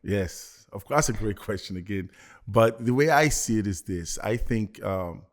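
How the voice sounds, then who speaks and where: A man from Belgium with a very low voice, talking as a podcast guest. He speaks earnestly and reflectively. His tone stays calm and thoughtful. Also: moderate pace. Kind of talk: casual podcast conversation.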